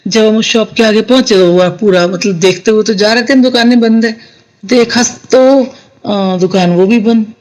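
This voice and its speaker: A woman's voice: medium pitch, fairly even intonation, normal speed, a little mellow, poor audio. Woman, devotional storyteller, casual conversational telling, talks to listeners directly. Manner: conversational, addresses the listeners as sangat ji. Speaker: satsang storyteller sharing a devotee's experience.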